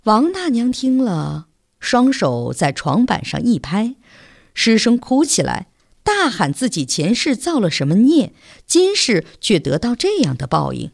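A woman storyteller reading with an expressive, animated delivery. Her pitch moves freely as she follows the story. The recording is dry and close, with no room sound. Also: a little slow, vocal fry, no room sound.

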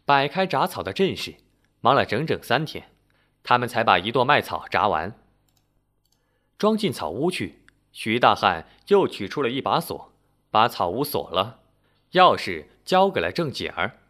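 Man narrating a folk tale, mid pitch, really animated delivery. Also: normal speed. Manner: lively, expressive storytelling. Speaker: storyteller.

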